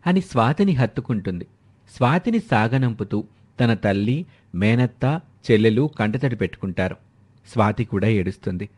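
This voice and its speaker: A man narrating a family story in a steady, even manner. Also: on the low side, moderate pace, husky.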